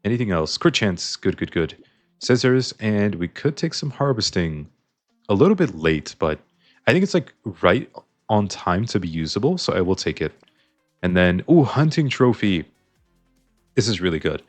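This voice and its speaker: This gaming YouTuber talks at normal speed in a fairly low voice with big pitch swings, faint music playing behind him. He casually comments on his game, explaining his choices in a slightly strained voice.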